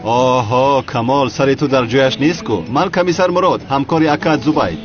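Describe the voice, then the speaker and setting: A man's voice: medium pitch, close to an everyday voice. An actor dubbing a police commissioner who scolds an unruly younger man. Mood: exasperated. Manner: scolding, exasperated. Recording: dull lo-fi with loud music.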